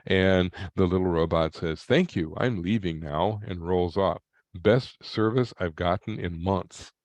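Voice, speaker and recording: A man's voice: low voice, a little mellow, dry recording. A man, an economist, giving a webinar talk with dry, wry storytelling and folksy humor. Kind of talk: webinar presentation.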